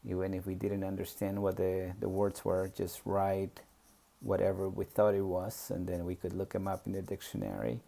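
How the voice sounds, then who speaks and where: A man from Peru, Spanish-accented, recounts his life story as a memoir storyteller, reflective and hesitant with plenty of fillers. He speaks in a low, dark, monotone voice with vocal fry, at a moderate pace.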